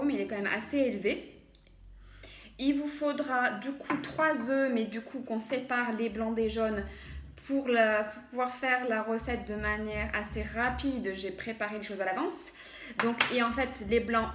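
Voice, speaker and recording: A woman's voice: fairly high pitch, echoey room. A woman walking through a recipe in a casual cooking tutorial at home, chatty and hesitant, with many fillers and self-corrections. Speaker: home cook demonstrating a recipe.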